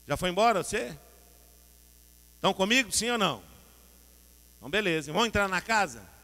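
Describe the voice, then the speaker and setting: A Brazilian man with a Brazilian Portuguese accent preaches a sermon in a large hall, his voice high and fairly quick. He tells the story in a colloquial, lively way and often speaks directly to the audience.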